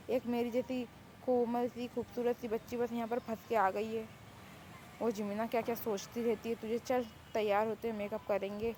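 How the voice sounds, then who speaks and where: Dramatic young woman voiced by a woman, stammering, indignant, fairly high voice. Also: darkish tone, a little hiss or hum, lightly acted. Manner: stammering, indignant, self-pitying. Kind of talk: Hindi fan-fiction audio story.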